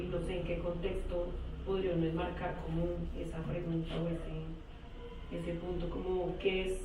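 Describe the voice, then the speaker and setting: A woman's voice: lowish voice, narrow, tinny audio, noisy background. Hesitant woman student asking questions. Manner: hesitant, rephrasing her questions. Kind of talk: classroom question. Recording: very echoey room, distant mic.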